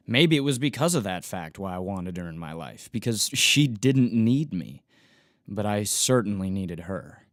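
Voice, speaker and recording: A man narrating his own first-person love story in an earnest, gentle way, with small stumbles and soft chuckles. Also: on the low side, no echo, studio quality.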